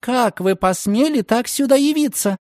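A proud young woman, bristling with indignation, her voice pitched high and hissing with accusation, as a male narrator puts her on. The sound is dry and close, with lively swings of pitch. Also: measured pace, dry recording. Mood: indignant.

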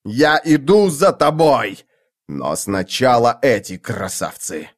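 A man reading an audiobook, voicing an undead masked male warrior whose voice is booming and metallic. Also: lively intonation, slow. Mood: roaring.

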